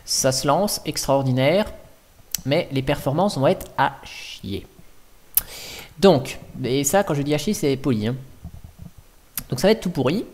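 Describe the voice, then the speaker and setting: A man's voice: on the high side, expressive, measured pace, pauses often, a little mellow. A man hosting a casual screencast tech tutorial at his home computer, thinking aloud and chatting in informal slang.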